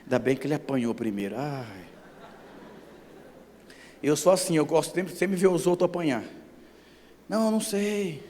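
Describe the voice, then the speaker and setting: A pastor preaching a sermon who drops to quiet asides and then climbs to shouted climaxes, often acting out the voices of the people he quotes. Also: a little high, normal speed, pauses often, big-room sound, slight background noise.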